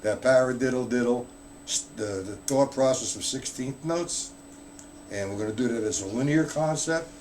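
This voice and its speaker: A man's voice: mid-range voice, moderate pace, darkish tone, slight background noise. A man giving a casual live-streamed drum lesson, explaining rudiments in a loose, chatty way and answering viewers in the chat. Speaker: drum teacher.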